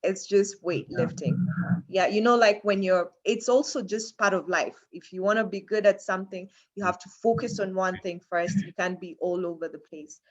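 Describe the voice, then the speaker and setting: Woman, Kenyan accent, mid-pitched, chatty interview guest, casual, repeats for emphasis, slightly dull sound. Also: moderate pace.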